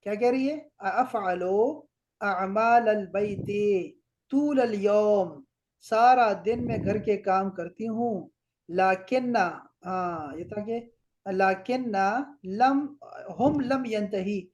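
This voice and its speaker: A man from Pakistan teaching Arabic, correcting homework and explaining words slowly, one by one. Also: high voice, darkish tone.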